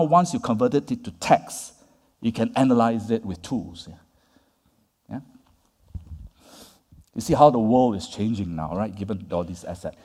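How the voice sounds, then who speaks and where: A slightly mellow, medium-pitched male voice delivers a conference lecture in a large hall with long reverb. The speaker keeps it conversational, tagging his points with "right?" and "yeah?".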